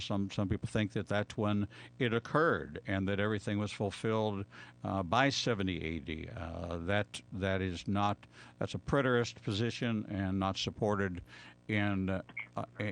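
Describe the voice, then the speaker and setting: A man with a fairly low voice teaches scripture on the radio as a rabbi. He speaks off the cuff, making firm declarations and repeating words for emphasis. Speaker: rabbi answering callers on radio. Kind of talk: extemporaneous biblical teaching.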